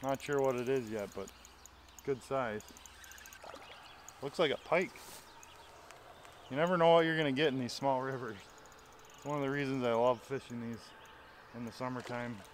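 Pausing often, a man in his thirties speaks at a normal speed in a mid-range voice, with slight background noise behind him. He's a fishing vlogger making a casual outdoor video on a small river's bank and in a canoe, chatting enthusiastically and explaining as he fishes.

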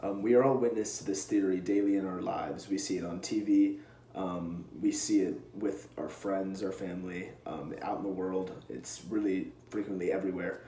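A young man giving an earnest class presentation, speaking close to a camera in a small room and filling pauses with many ums. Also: low voice, steady tone, dark tone, reverberant, a little hiss or hum. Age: young adult. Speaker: student presenter. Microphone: camera close in front.

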